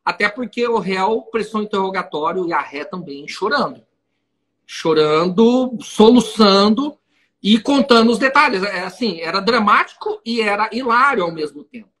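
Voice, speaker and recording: A man, a defense lawyer co-hosting a podcast, telling an anecdote in a casual, animated way. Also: high-pitched, moderate pace, rough recording. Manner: animated storyteller, laughs along.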